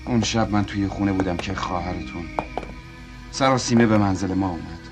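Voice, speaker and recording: A low-voiced, measured family man in a dubbed film, apologetic and then reassuring, as a man voices him. A music score plays clearly under him. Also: lightly acted. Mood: earnest. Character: calm, concerned middle-aged family man. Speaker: family friend recounting events.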